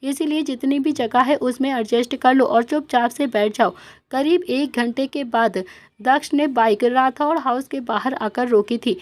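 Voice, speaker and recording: A woman narrates a long serialized family story, reading each character's lines in the same storytelling voice. Her voice sits high, and the recording is dry with no room sound. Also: moderate pace, no room sound.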